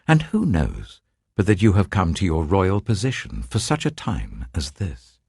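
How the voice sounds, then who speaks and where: Man voicing a stern, deep-voiced cautioning elder. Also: wildly swooping pitch, a little slow, gravelly, mellow, husky, dry recording, clean studio sound, exaggerated voice. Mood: stern warning. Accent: British. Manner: grave, emphatic.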